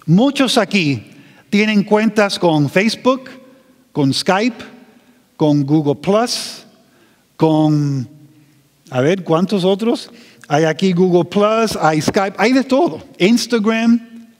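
A man preaching a sermon as pastor, slow and emphatic, drawing out his phrases. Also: high-pitched, animated, big-room sound.

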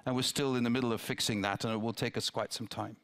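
Speaking quickly in a steady, mid-range voice with a fairly bright tone, an older man from the Netherlands answers audience questions. He's a politician in a town-hall dialogue on a theatre stage, using a headset mic. Thoughtful, he makes restarts and asides.

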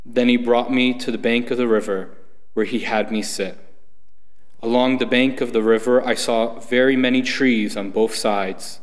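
A middle-aged man reading scripture and psalms aloud at Mass in a formal, deliberate way. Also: mid-range voice, fairly even intonation. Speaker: lay reader at Mass. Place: church sanctuary, standing at lectern. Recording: echoing church with long reverb.

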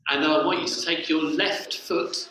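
Picked up by a distant camera on the floor, an echoey church hall with a lectern carries the voice of a forties-aged vicar running a playful all-age sermon with games for the congregation. He speaks a little high, steady in tone and moderately paced, sounding pushed and bright.

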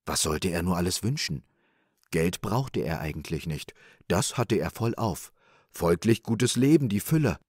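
Low-voiced man reading a bedtime fairy tale. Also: a little slow, slightly rough, dry recording, studio quality. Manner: calm, expressive storytelling. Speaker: audiobook narrator.

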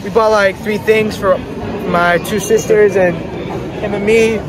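A teenage boy vlogging casually on a beach and hotel grounds, talking slangy and excitable into a phone held close. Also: sits high, slow pace. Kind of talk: casual handheld vlog chatter. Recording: loud music and crowd noise behind.

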